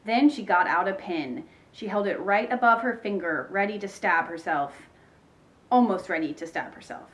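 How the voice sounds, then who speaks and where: A woman teacher reading a children's chapter book aloud, in a clear expressive storytelling manner. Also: medium pitch, normal speed.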